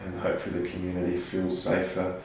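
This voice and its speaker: Low, gravelly New Zealand man, echoey. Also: monotone, noisy background. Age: 30s. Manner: measured, with frequent ums and restarts. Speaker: police sergeant. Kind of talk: interview answers. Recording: very echoey room, distant mic.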